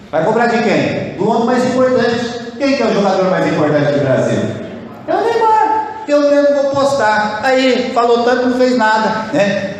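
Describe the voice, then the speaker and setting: A Brazilian man preaching a sermon as pastor, talking to the congregation in a conversational way and asking rhetorical questions. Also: high-pitched. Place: church hall. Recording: echoey church hall with long reverb.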